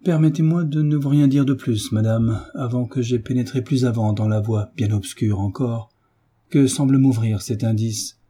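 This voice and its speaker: Guy reading as a polite serious gentleman, dark husky voice, slow and careful. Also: medium pitch, lightly acted. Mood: grave. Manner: measured, courteous, grave. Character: earnest, tactful gentleman tutor.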